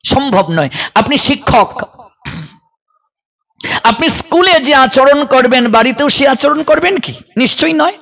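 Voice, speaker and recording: A man's voice: very high voice, measured pace, vocal fry, rough recording. A man preaching a devotional sermon, telling stories and voicing the people in them, asking the listeners rhetorical questions, and at times chanting verse. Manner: expressive storytelling, voicing characters in quoted scenes.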